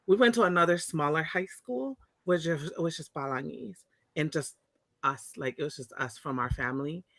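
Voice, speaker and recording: A woman from Tonga, an interview guest, tells her personal story candidly and reflectively, often restarting and correcting herself. Her voice sits low and fairly bright, at a moderate pace, with no echo.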